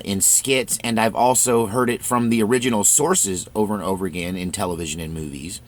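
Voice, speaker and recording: A man hosting his own channel, talking through a casual, rambling monologue with frequent restarts. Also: lowish voice. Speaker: channel host.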